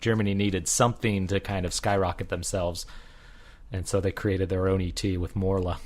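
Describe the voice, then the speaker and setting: A man co-hosting a movie podcast, cracking deadpan jokes in casual chat. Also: deep voice, normal speed. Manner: deadpan joker. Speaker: podcast co-host.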